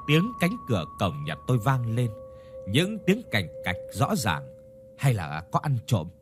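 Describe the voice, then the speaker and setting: Man telling a ghost story, lively pitch. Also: a little hiss or hum. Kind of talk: scripted ghost story narration.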